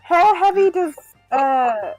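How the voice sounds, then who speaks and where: Female tabletop player, high voice, unhurried pace, casual exclamatory game chat. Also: expressive, a little mellow, dry recording, faint music behind, low-quality recording.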